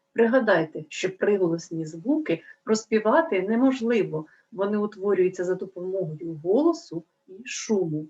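A woman teacher speaks to young children at a slow, deliberate pace, sounding out each letter with care. Her voice sits in an ordinary middle pitch. The recording is slightly dull and lo-fi. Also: darkish tone. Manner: slow, careful, clearly pronounced teaching. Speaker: primary school teacher.

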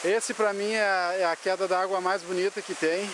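Young man, fairly high voice, hesitant, repeats words, casual hike commentary, camera mic, hiss and waterfall noise. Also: steady tone, moderate pace. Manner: hesitant, repeating words while searching for them. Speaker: hiking companion. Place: outdoors in forest near a waterfall.

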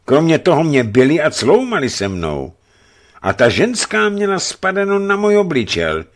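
A man's voice: big pitch swings, gravelly, heavily acted. A man doing a wailing, beaten boyar. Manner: high, tearful pleading. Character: wailing beaten boyar, middle-aged man, self-pitying.

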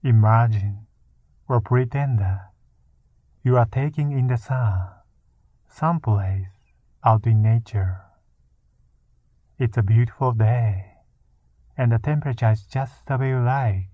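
A man leading a guided meditation in a soft, soothing, hushed voice, leaving long pauses between short phrases. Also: mid-range voice, dry recording. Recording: muffled, narrow-band phone-like sound. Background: music.

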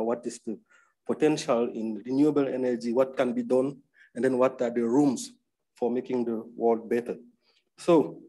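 A man's voice: medium pitch, mellow, rough recording. A man from Cameroon moderating an academic panel and presenting slides in a conversational way, often adding tag questions, over a video call.

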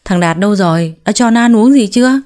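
A woman voicing a harsh, domineering older mother-in-law who talks loud and scolding, with a mellow tone. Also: medium pitch, a little fast, close to an everyday voice.

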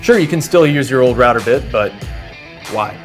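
A man presenting a scripted product ad with an upbeat sales pitch. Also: lively intonation, normal speed. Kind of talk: scripted ad narration. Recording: background music.

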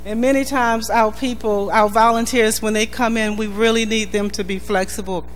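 Woman pastor, sermon, higher register, emphatic repetition; long church reverb. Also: steady tone, a little hiss or hum. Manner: earnest, emphatic preaching with measured repetition. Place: church sanctuary. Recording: reverberant church hall with faint music.

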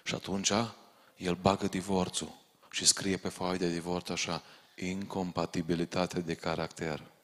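A man with a very deep, low voice preaches to his congregation. He speaks with urgent, pointed warnings, and his words ring out in the long reverb of a large church hall. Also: flat delivery. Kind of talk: sermon.

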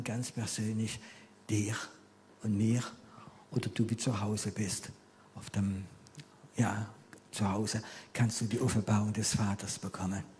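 A man in his fifties with French as his first language, preaching a sermon in German as an animated storyteller who swings between loud emphasis and quiet near-whispers. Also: on the low side, a little hiss or hum.

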